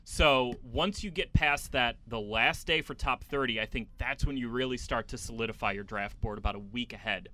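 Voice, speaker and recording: A man with a Chicago accent, co-hosting a casual sports podcast in an animated, easy-laughing way. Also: medium pitch, moderate pace, hardly any pauses, slight background noise. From Chicago area. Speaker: podcast co-host.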